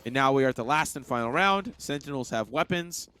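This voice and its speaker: Mid-pitched male esports caster. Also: lively intonation, fairly quick, pushed and bright, smooth. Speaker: esports commentator. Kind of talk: live esports commentary and analysis.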